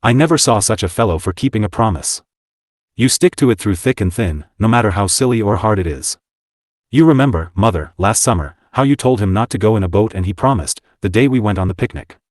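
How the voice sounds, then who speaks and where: A man's voice: lowish voice, animated, fairly quick, a little mellow, dry recording, studio quality, lightly acted. A man reading the part of a hearty, teasing older brother in an audiobook, speaking bluffly.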